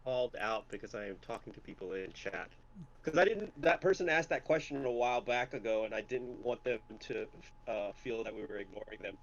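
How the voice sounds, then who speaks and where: A man hosting a streamers' podcast, speaking in a measured, thoughtful way. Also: mid-range voice, lo-fi sound, a little hiss or hum. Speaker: podcast host. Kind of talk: casual chat.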